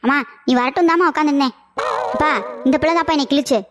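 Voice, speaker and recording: A woman voicing a young boy who whines and pleads in an animated cartoon. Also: sits high, rapid-fire, a crowd in the background, close to an everyday voice. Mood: pleading. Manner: pleading, whiny. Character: young boy, whiny and tattling.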